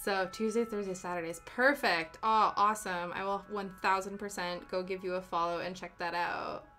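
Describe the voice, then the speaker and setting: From her home in the UK, a young Canadian woman chats casually with live-stream viewers, answering chat with giggly asides over faint background music. Her voice is mid-range and steady, with a sharp tone and a moderate pace.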